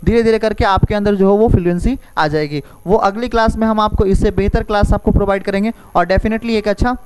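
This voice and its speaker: A man teaching a spoken English lesson, repeating each phrase slowly and quizzing the listener with questions. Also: high voice, steady tone, a little mellow, smooth, poor audio. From India.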